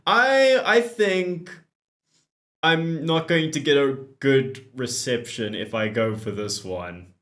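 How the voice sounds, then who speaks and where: A man's voice: medium pitch, lively intonation, takes it slowly, pauses often, fairly bright tone. A man reading game dialog aloud and commenting on it as a let's play host, giggly and self-mocking, swearing casually.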